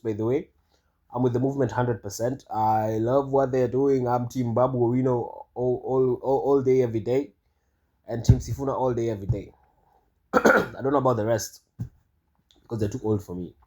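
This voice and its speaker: A man's voice: medium pitch, darkish tone. Rambling man. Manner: rambling, hesitant, many fillers and restarts. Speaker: vlogger. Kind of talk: casual monologue commentary.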